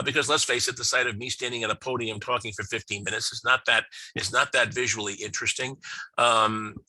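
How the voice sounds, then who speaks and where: A middle-aged man lectures on business in a chatty, rambling way, with many fillers and restarts. His voice is very bright and forceful. The sound is close and dry, with no room in it. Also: mid-range voice, creaky, no echo, low-quality recording. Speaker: business speaker. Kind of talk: webinar lecture with slides.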